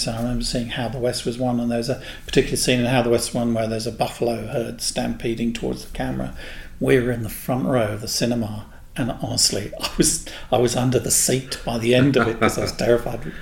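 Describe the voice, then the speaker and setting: A man in his sixties from England, a guest in an interview, telling unhurried stories about his past. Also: mid-range voice, gravelly. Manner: unhurried, anecdotal storyteller. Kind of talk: reminiscing in a casual interview. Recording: echoey room with faint noise.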